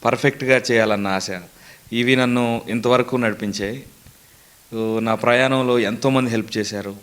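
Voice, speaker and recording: A man's voice: mid-range voice, a bit bright. A young man, a mimicry artist answering interview questions earnestly, in a storytelling way. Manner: earnest, storytelling, lists names steadily.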